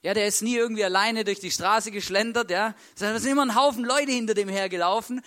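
A male preacher with a high, fairly bright voice talks fast as he retells a story casually and colloquially. He keeps tacking a questioning "right?" onto his sentences and acts out the characters' lines in this storytelling sermon.

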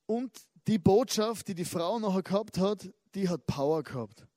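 Male preacher, chatty, lively sermon delivery, higher voice, dry close sound. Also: normal speed, no echo. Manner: conversational, lively, asks the listeners direct questions.

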